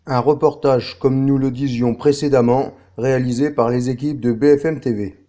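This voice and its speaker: A man's voice: medium pitch, fairly even intonation, moderate pace, dark tone, close to an everyday voice. A man playing a TV news anchor, presenting a parody bulletin in a tongue-in-cheek way. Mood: composed. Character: dry male TV news anchor covering a political visit.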